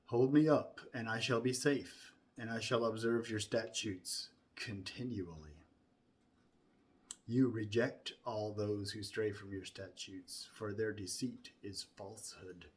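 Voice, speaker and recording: A man with a fairly low voice recites scripture very slowly and solemnly. Each phrase is deliberately set out, opening with emphasis and easing off softly as it closes. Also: steady tone. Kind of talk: solemn Bible recitation from memory.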